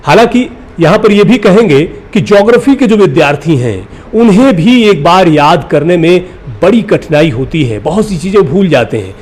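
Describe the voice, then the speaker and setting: A man presenting a news feature, speaking in an earnest, admiring way with pauses and filler sounds. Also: high voice, lively intonation, darkish tone, slightly rough. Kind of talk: on-location news feature commentary.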